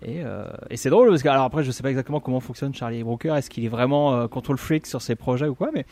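A man's voice: medium pitch, fast. A man chatting casually as a co-host, hesitant and full of fillers. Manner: hesitant, many fillers, lively intonation. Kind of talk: casual chat.

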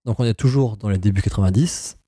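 A man's voice: lowish voice, quick pace, warm tone, slightly rough, no echo, clean studio sound. A man co-hosting a casual chat, eagerly explaining the story with many hesitations and comments of his own. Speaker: podcast co-host.

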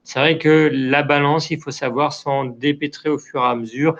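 A man's voice: a little high, steady tone, normal speed, a bit bright, dull audio. A French man running a live online chat as community manager, reading out viewers' comments and answering them in a friendly, casual way, with many hesitations and a dry throat.

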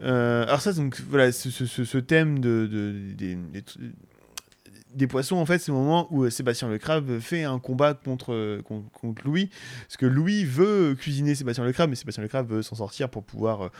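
A French man talks film music in a loose, rambling way, stumbling through restarts and sometimes humming a melody. His voice sits at an ordinary pitch and is recorded very close and dry. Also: lively intonation, moderate pace, a little mellow, no room sound. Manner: rambling, many restarts, hums tunes. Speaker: podcast co-host. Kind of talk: casual chat about film music.

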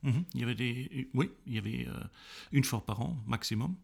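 Male guest, husky and gravelly, halting and thoughtful delivery. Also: medium pitch, darkish tone. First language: German. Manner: hesitant, many fillers and restarts while recounting. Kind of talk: interview conversation.

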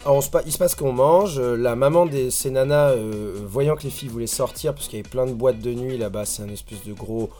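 A man, a sailor guest on a podcast, telling a long anecdote in a relaxed, laid-back way. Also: medium pitch, fairly quick, few pauses, soft background music. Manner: relaxed storyteller, laid-back, many fillers.

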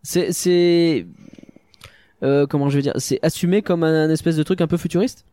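A man's voice: on the high side, fairly even intonation, normal speed, mellow, no echo, clean studio sound. A man with a Parisian French accent hosts a casual film discussion, talking in a slangy, jokey, self-mocking way. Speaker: podcast host.

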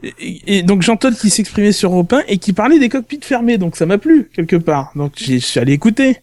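A man with a high speaking voice talks through his point in a casual podcast chat, often stalling on repeated words. The recording is close and dry. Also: lively intonation, a little fast, darkish tone, no room sound. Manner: explanatory, repeats words while thinking. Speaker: podcast co-host.

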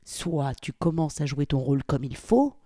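A woman's voice: low voice, lively intonation, moderate pace, warm tone, dry recording, studio quality. A woman voicing a brutal gangster, Polly. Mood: furious. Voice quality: harsh, swearing, barking orders. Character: angry brutal male gangster, foul-mouthed.

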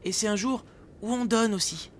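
A woman's voice: medium pitch, moderate pace, a little hiss or hum, close to an everyday voice. A woman voicing a kind, eager young boar boy in a storybook, speaking earnestly. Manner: earnest, gentle. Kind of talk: storybook character acting.

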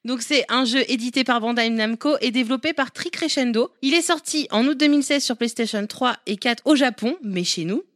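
A woman's voice: a little high, brisk, hardly any pauses, fairly bright tone, no echo, studio quality. A woman co-hosting a casual gaming podcast, playful and teasing, laughing often as she presents a favourite game.

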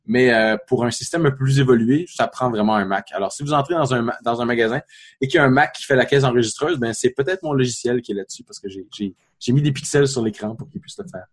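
Québécois developer guest, fast and slightly raspy. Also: male voice, medium pitch. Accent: Québécois French. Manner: rapid, stumbling talk with repeated restarts. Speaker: podcast co-host, developer. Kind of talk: casual podcast chat.

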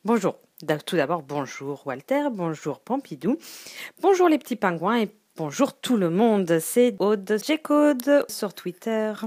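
A woman's voice: mid-range voice, sing-song, unhurried, darkish tone. A woman leaving a casual voice message as a listener, playful and giggly, with a singsong, hesitant delivery.

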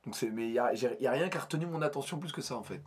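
Man, husky voice, podcast co-host, hesitant rambling chat. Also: medium pitch, lively intonation, very fast. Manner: hesitant, restarts and fillers, rambling. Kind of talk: casual chat about metal bands.

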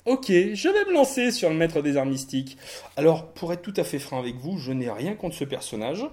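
A man hosting a casual podcast chat, animated and self-mocking, swearing freely. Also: fairly high pitch, fairly quick. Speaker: podcast host.

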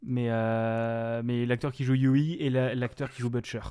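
A man co-hosting a casual podcast chat, talking in a halting way with many fillers. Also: medium pitch, little pitch movement, dark tone, smooth. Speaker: podcast co-host.

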